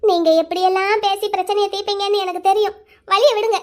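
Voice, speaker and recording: A woman voicing a hurt young wife in a cartoon drama, crying and accusing her husband loudly. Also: very high voice, level tone, fast talker. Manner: loud, accusing, bitter. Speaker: voice actor.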